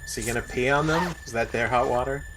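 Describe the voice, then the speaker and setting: A man co-hosting a casual livestream, reacting to clips with amused, quick interjections. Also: medium pitch, background noise. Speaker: livestream co-host. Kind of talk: casual chat about movies.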